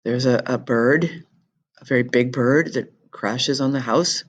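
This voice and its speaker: A woman teacher talking through a recorded lesson for her students in a chatty, jokey way, explaining with quick asides. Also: rumbling low.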